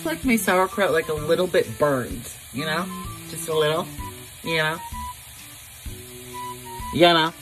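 A man's voice: on the high side, animated, measured pace, long pauses, low-quality recording. A hungover young man chatting casually through a recipe in a playful, crude, theatrical way, in his home kitchen. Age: young adult. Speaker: home cook presenting a recipe. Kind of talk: casual cooking vlog chat. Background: music and sizzling pan.

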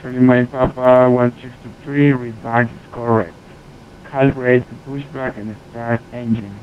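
Male air traffic controller heard over headset radio, slow and measured, tinny line with faint hiss, reads numbers one by one. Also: medium pitch, fairly even intonation. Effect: heard over a pilot's headset radio. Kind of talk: clipped radio phraseology.

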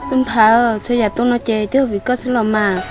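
A woman's voice: on the high side, steady tone, brisk, over music, close to an everyday voice. A woman acting in an amateur drama, pleading and exclaiming as she speaks.

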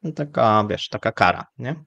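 A man hosting live economic commentary, speaking in a measured, hesitant way with frequent fillers. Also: lowish voice, expressive, gravelly, highs cut off, crowd noise. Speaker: show host.

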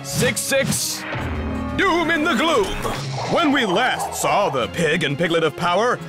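A man's voice: high-pitched, lively intonation, slow, over music. A man playing a pompous, melodramatic narrator of a cartoon superhero serial. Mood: ominous. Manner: pompous, dramatic.

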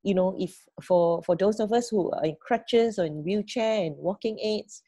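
A woman's voice: medium pitch, normal speed, dark tone, no echo. A middle-aged woman leading an online team meeting on a video call, often repeating words as she thinks and checking in with "right?" and "okay?". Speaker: team leader.

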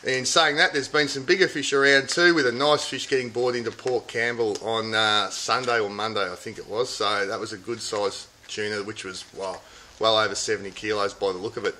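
Bright-voiced Australian tackle shop host. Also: male voice, on the low side, fairly even intonation, fairly quick, a little hiss or hum. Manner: chatty, upbeat salesman patter. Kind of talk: casual product and fishing report. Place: inside a large tackle shop. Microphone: camera at close range.

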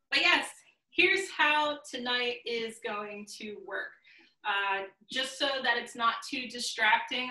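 A woman's voice: medium pitch, pushed and bright, echoey room. A woman hosting a live online cooking class on a video call, chatty and upbeat with lots of fillers. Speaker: host.

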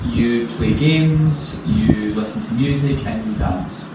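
Patient male examiner in an echoey room. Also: mid-range voice. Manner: patient, encouraging, speaks slowly and clearly for a learner. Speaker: English speaking-test examiner. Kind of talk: spoken language exam interview. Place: small indoor office room. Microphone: far camera. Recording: echoey room, far from mic, loud noise.

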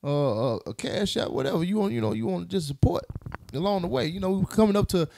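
Male podcast host, animated banter, gravelly edge, lots of laughs. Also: sits high, quick pace. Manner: animated, joking, laughs often.

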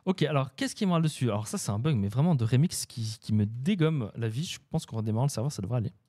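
A man's voice: mid-range voice, animated, fast talker, dark tone. A man hosting a casual live-coding stream, chatting with viewers and muttering to himself as he works. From French-speaking. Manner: chatty, talks to chat while coding, hums and mutters. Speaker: livestream host.

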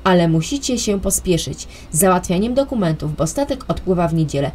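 A woman's voice: on the low side, lively intonation, fairly quick, a little mellow, a little hiss or hum, natural voice. A woman voicing a bossy, wealthy middle-aged aunt who talks in a commanding, impatient way.

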